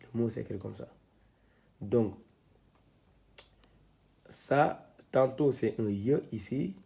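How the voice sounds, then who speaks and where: A man teaching Quran reading, spelling out syllables one by one, halting and repeating himself with many fillers. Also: mid-range voice, creaky, warm tone, breathy edge. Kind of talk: step-by-step lesson, spelling out syllables.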